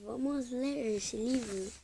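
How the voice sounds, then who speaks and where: A woman reading a picture book aloud as if to a toddler, with simple child-directed phrasing, playful emphasis and some halting words. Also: on the high side, vocal fry, dark tone, slight background noise. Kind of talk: storybook read-aloud, as if to a toddler.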